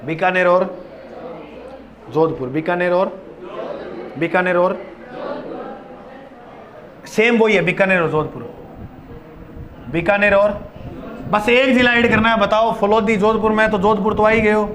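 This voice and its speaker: Loud playful male teacher leading chants. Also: sits high, measured pace, long pauses, slight background noise. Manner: loud, playful, chants names for the class to repeat. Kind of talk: classroom lecture with call-and-response drilling.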